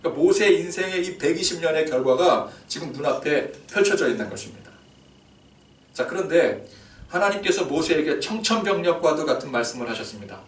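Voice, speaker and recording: Brief: Korean pastor, higher male voice, animated rhetorical sermon, church reverb, mic set back. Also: brisk. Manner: animated, rhetorical, conversational preaching. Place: church sanctuary. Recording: echoey church hall, distant mic.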